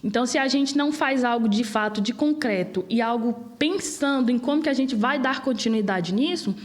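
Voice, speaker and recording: A high-voiced young woman in her twenties speaks with a Brazilian Portuguese accent. She makes her case with passion and energy, like a guest in an interview. Her voice sits well above most women's. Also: brisk. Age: 20s. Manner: passionate, animated argument.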